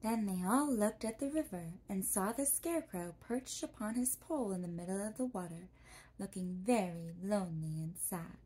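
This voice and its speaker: A woman reading a storybook aloud in a gentle, softly spoken, whispered role-play for sleep. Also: medium pitch, moderate pace, husky. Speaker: ASMR storyteller.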